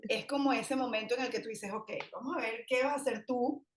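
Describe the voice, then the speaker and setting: A woman talking calmly in a podcast conversation, explaining parenting ideas and acting out what parents say. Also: on the high side, brisk, a little hiss or hum. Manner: calm, explanatory, acts out parent voices. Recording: roomy echo.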